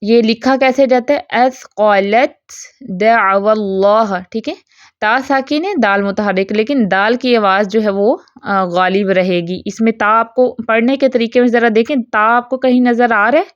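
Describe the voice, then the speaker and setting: A woman teaches a Quran recitation lesson, explaining each rule patiently and checking in often. Her voice sits a little high, and she slows right down to recite examples. The recording is dry and a little dull. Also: steady tone, no room sound. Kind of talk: online tajweed lesson.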